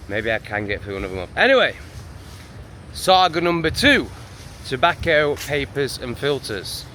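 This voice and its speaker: English man, vlogger, rambling sweary rant, middle pitch, faint street noise. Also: expressive, normal speed, bright, forceful tone. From England. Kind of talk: casual rant to camera. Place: home in a town, street sounds outside.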